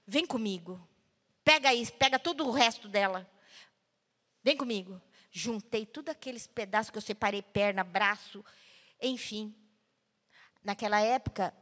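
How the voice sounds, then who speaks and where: A woman, a guest speaker, telling a personal story to an audience, swinging between loud outbursts and hushed low tones. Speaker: guest speaker at a panel talk. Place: large hall at a cultural center. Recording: long hall reverb.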